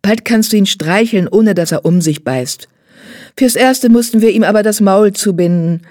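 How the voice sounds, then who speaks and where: A woman voicing a kind, calm male riding teacher in an audiobook, speaking low and gently. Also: normal speed, no room sound, clean studio sound, close to an everyday voice. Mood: soothing.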